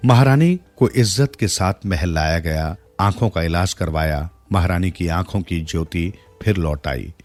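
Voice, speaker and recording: A man's voice: deep voice, normal speed, hardly any pauses. A man narrating a moral folk tale in a scripted storytelling style, changing his voice for the characters' lines. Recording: soft music bed behind the voice.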